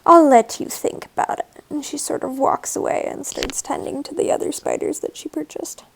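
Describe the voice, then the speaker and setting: A woman narrating as game master of a tabletop game over a video call, calm and matter-of-fact. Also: high voice, normal speed, gravelly, a little hiss or hum, poor audio.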